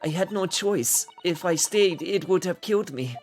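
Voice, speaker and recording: A man's voice: sits high, lively intonation, moderate pace, soft background music, voice pushed up. A man playing a dramatic young ballerina. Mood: pleading, dramatic. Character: young Russian ballerina runaway, dramatic and pleading. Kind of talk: video game voice-over read aloud.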